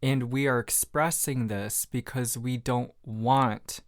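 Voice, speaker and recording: A man's voice: medium pitch, fairly even intonation, takes it slowly, no echo, studio quality. A man hosting a solo podcast, talking in a reflective, candid, self-deprecating way with lots of fillers. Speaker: podcast host.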